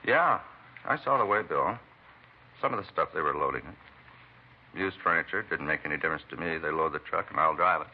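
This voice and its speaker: A brisk bass-voiced actor plays a beaten American truck driver in a 1940s-50s radio drama, a talkative, folksy, eccentric man who calls himself a bump-reader. He rambles in plain working-man talk, sounding pained yet chatty, on a muffled vintage recording with faint hiss.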